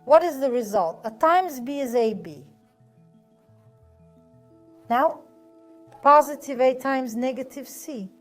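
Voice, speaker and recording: A woman's voice: high voice, lively intonation, takes it slowly, long pauses, soft background music. A woman teaching a math lesson step by step, patient and methodical, often asking a question and then answering it herself.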